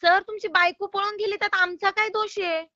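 A woman's voice: very high voice, fairly even intonation, fairly quick, pushed and bright, no room sound, lo-fi sound. A woman calling to collect a loan payment, polite but insistent and exasperated. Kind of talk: phone call.

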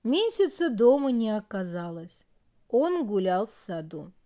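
Slow, sing-song woman reading a fairy tale. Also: medium pitch, very animated, warm tone. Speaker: storyteller. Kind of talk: scripted fairy-tale narration.

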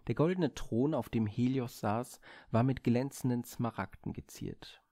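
A man reading a Greek myth aloud in a measured, expressive storybook manner on a studio microphone. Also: mid-range voice, no echo.

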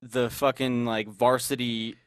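A man chatting casually as a podcast co-host, cracking jokes with quick comebacks. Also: mid-range voice, flat delivery, smooth, no echo. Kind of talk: casual group chat.

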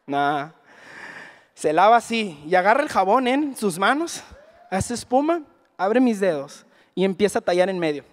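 A man's voice: sits high, moderate pace. A man with a Mexican Spanish accent preaching a Sunday sermon, telling a story and acting out the people in it. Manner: animated storyteller, acts out quoted dialogue. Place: church hall. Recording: reverberant hall.

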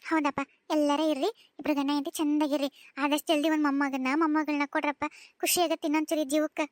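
A woman's voice: sits high, level tone, fast, dry recording, studio quality, lightly acted. A woman voicing a doting older village mother with a North Karnataka accent, tearful and pleading, in a cartoon. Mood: gentle. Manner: pleading, emotional. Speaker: voice actor. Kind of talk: cartoon voice acting.

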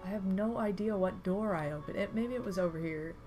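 Over music, a young woman with a medium-pitched voice talks fairly quickly during a casual game livestream from a room at home. Her nose is stuffed from a recent flu, and she's animated, exclaiming at the game.

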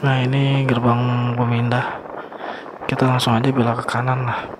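A young motovlogger rides a motorbike through town, chatting to viewers in a relaxed, slangy way. His mid-range voice moves at a normal speed, recorded outdoors with traffic and wind noise behind him.

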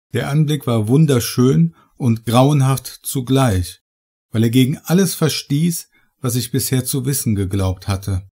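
A man reading first-person horror audiobook narration in a measured, dramatic way. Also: medium pitch, dark tone.

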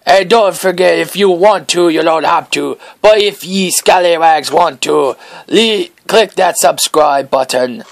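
Jolly pirate acted by a man for game commentary: creaky, gravelly pirate accent, unhurried delivery. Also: on the high side, no echo. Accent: put-on pirate. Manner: pirate voice with archaic "ye" and "be" speech. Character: gruff jolly male pirate chatting to his matey. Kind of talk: playful in-character gameplay commentary.

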